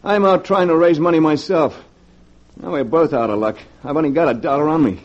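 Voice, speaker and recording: Heard on a dull vintage radio recording with music, an actor portrays a strained, pleading locksmith who is broke and desperate in a 1940s drama. His voice is natural, on the high side, and fairly quick.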